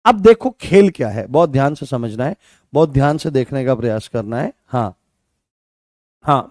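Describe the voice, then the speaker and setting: A man's voice: a little high, darkish tone, dry recording, clean studio sound. A man teaching a live online Hindi grammar class for exam candidates, repeating points and asking questions he answers himself, with a Rajasthani Hindi accent. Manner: repetitive, asks questions and answers them himself, sometimes sings lines.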